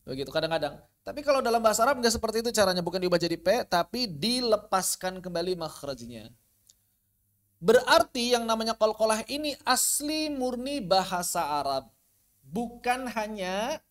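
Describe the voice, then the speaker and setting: A man's voice: high-pitched, a bit bright. A man teaching an online tajwid lesson, explaining Arabic sounds and demonstrating them by repeating words. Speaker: Quran recitation teacher.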